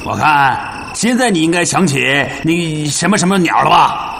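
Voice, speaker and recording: An actor playing a brash, impatient soldier in a TV drama, talking bluntly and colloquially with a needling, mocking edge. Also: male voice, a little high, animated, normal speed, gravelly, background noise. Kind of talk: television drama acting.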